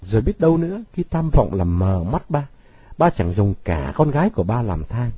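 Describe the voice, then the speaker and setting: A man's voice: fairly low pitch, very animated, normal speed, dark tone, husky, no room sound. A man voicing a bitter, defiant young man who mocks his father with sweet sarcasm. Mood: furious. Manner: sarcastic, cutting, sweetly mocking.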